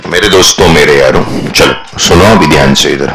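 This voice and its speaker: A man's voice: rumbling low, brisk, fairly bright tone, a little hiss or hum, poor audio. A man teaching a commerce lecture in a mix of Hindi and English. He repeats key phrases again and again for his students to call back, and breaks off to scold them. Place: classroom with students.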